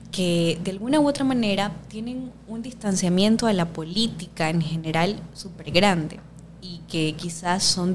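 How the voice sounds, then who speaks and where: Una mujer joven con acento ecuatoriano, activista invitada, que habla de forma relajada en una charla informal de podcast. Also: female voice, fairly low pitch, a little mellow, a little hiss or hum. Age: young adult. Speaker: political activist guest. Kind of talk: casual podcast conversation.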